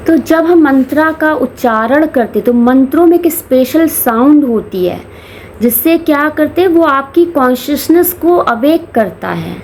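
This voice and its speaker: High-pitched woman, spiritual teacher, explanatory, slows on key terms, light background hiss. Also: darkish tone. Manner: mixes Hindi with English phrases, slows for key terms; chants demonstrations mid-explanation. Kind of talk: explaining meditation to a camera.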